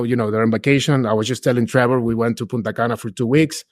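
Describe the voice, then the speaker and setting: Raised in Peru and now in his forties, a real estate investor joins a podcast as a guest for casual interview talk. He's chatty and laid-back, dropping "dude" and "bro" often and restarting a lot, in a mid-range voice on a dry, studio-quality recording.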